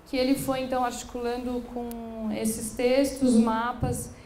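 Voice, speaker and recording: Her voice high-ish and warm, this woman from São delivers a public talk as a curator at a measured pace and in a flat tone. She hesitates a lot, restarting and using fillers, in an echoey room of an occupied building with faint noise behind her.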